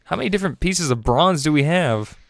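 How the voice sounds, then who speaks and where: A young man's fairly high, gravelly, congested voice comes through animated and fairly quick, with no room sound, as he narrates his gameplay video. The let's-play commentary is casual, upbeat, and chatty, with fillers and small laughs over a faint music bed.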